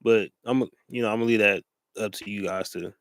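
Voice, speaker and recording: A man's voice: on the low side, steady tone, a little fast, fairly bright tone, dry recording. Rambling man co-hosting sports talk. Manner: rambling, with many fillers and restarts.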